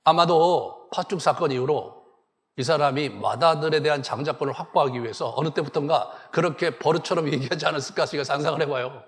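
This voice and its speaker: High-voiced male pastor in a reverberant church. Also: brisk. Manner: animated storytelling, acts out the characters. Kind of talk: sermon. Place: church sanctuary. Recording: long church hall reverb.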